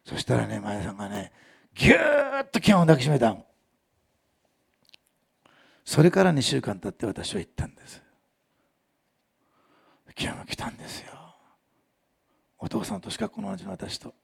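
A man preaching a sermon as a pastor, telling stories with animated delivery and acting out the people he quotes. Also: on the high side, normal speed, vocal fry, pauses often, slightly rough.

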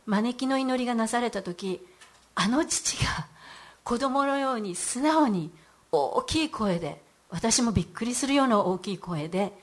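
A middle-aged woman giving a heartfelt church testimony in an earnest voice, with frequent hesitant fillers. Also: medium pitch.

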